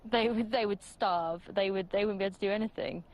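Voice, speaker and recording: A woman's voice: medium pitch, steady tone, quick pace. A young woman from England talking frankly on a reality show, often exasperated and self-conscious. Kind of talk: confessional and reactive chat. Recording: noisy field recording.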